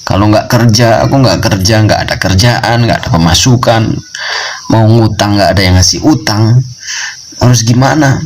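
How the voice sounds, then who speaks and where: A desperate young man in debt, a university student, pleads in short, repeated phrases, as a male storyteller puts him on. His voice sits low, and there is a faint hiss behind it. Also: moderate pace, lightly acted.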